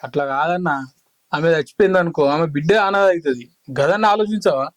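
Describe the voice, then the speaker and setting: A man's voice: a little high, fast, no room sound, natural voice. An actor playing a village brother who urgently persuades his family, speaking in a Telangana Telugu accent. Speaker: younger brother and go-between. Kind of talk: village drama acting.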